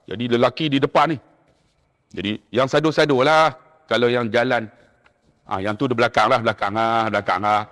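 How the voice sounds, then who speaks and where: A male preacher with a Malaysian Malay accent telling a story in a sermon, animated and acting out the people in it. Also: mid-range voice, brisk, long reverb tail. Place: mosque.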